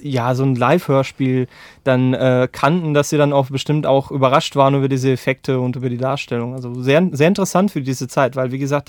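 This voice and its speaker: A man's voice: mid-range voice, darkish tone, dry recording. A man hosting a conversation, talking casually with fillers and tag questions. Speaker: host. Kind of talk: casual chat.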